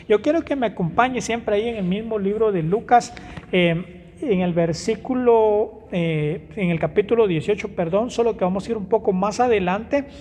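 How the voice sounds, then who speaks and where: Preacher in a reverberant church. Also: male voice. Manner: emphatic, swinging between raised exclamations and soft low asides; hesitant fillers and self-corrections while finding verses. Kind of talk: sermon. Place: church hall. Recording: reverberant church hall with music behind.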